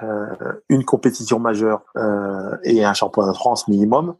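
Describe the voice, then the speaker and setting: A man's voice: lowish voice, fairly even intonation, moderate pace, darkish tone, slightly rough, no echo, rough recording. A middle-aged man with a Parisian accent, telling his story as an interview guest, hesitant with many fillers and restarts. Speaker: guest, former top-level athlete. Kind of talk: conversational interview.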